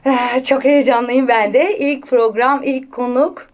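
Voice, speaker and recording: A woman in her thirties, raised in Turkey after a childhood move from Bulgaria, chatting as a guest on a talk show, giggly and animated. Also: sits high, a little slow. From Bulgaria, raised in Aydın. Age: 30s. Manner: giggly, animated, jumps into playful voices. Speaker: actress guest. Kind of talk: casual talk show chat.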